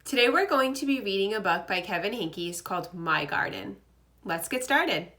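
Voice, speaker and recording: A woman reading a picture book aloud to young children like a teacher, in expressive, deliberate short phrases with asides. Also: mid-range voice.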